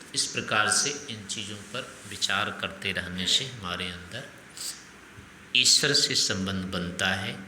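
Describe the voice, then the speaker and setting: A man's voice: deep voice, slow, sharp tone. An older man giving a spiritual discourse as a teacher, reasoning aloud with rhetorical questions. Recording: echoey hall with faint noise.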